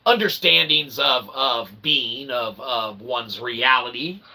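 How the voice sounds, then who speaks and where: A man with a medium-pitched voice delivers a rambling comedic vlog monologue, taking his time. He is a vlogger and self-published author whose phrasing is convoluted and mock-intellectual, peppered with tags like "okay" and "eh." The audio is very noisy.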